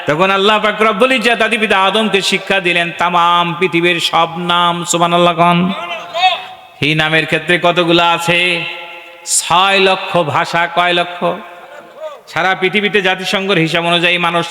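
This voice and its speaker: A male preacher giving an animated sermon at a gathering, asking the crowd questions and chanting verses in a sung tone. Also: high-pitched, normal speed. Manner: animated, asks the crowd questions and calls for responses. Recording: echoey hall with long reverb.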